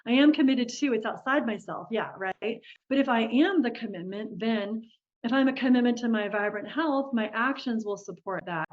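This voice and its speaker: Leading a live online coaching session for a group, this woman keeps things upbeat and encouraging, often laughing while addressing participants. She speaks at a normal speed in a voice on the high side, heard through dull, lo-fi video call audio.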